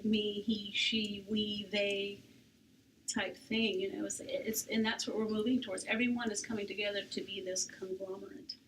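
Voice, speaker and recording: A middle-aged woman speaking as a panelist in a reflective, soft-spoken way, her voice often slipping into a breathy whisper. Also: mid-range voice. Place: room at a healing arts center. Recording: distant mic with faint background noise.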